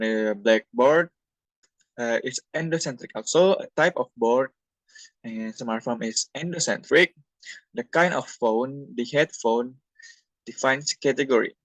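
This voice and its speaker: A young man from Indonesia, a university student presenting a class talk from slides in a halting, plain explanatory way. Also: mid-range voice, a bit bright, dry recording, low-quality recording.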